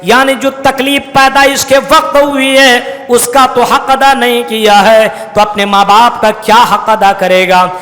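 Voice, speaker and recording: High-voiced preacher in a reverberant mosque. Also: male voice, steady tone, sharp tone. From India. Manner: explains verses, recites Arabic slowly then paraphrases; addresses listeners as brothers. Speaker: Islamic preacher. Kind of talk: Quran commentary sermon. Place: mosque hall.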